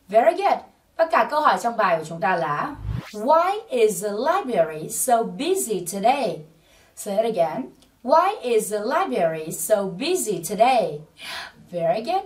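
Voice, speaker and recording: Higher-voiced woman teaching test prep. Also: far from the mic. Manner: slow drilling of English words for repetition. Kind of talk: scripted language lesson.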